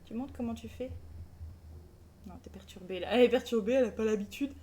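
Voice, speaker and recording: A woman's voice: a little high, quick pace, mellow, slight background noise. A woman chatting casually and playfully as a live streamer, colloquial and sweary, often cooing affectionately. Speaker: live streamer, craft vlogger.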